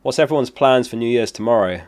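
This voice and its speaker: A young man hosts a live stream, talking fast in a mid-range, slightly mellow voice. The streamer chats casually and answers questions from chat while getting over a lost voice.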